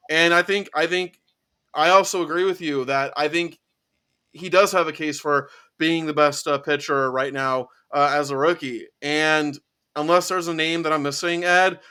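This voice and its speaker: A man's voice: fairly high pitch, sharp tone, clear, resonant tone. A man co-hosting a sports talk show, casual and agreeable, with many fillers. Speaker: podcast co-host.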